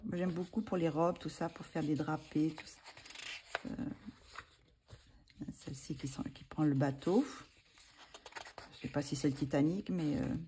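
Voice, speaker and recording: Low-voiced woman chatting casually. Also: steady tone, measured pace, long pauses, warm tone, slight background noise. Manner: hesitant, many fillers and restarts, thinking aloud. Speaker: vlogger showing coloring books. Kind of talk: casual chat.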